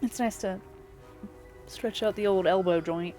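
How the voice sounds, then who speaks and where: A woman's voice: mid-range voice, measured pace. A young adult woman casually commenting on a game she plays live, chatty and playful, reading viewer messages aloud. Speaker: streamer. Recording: voice over loud game music.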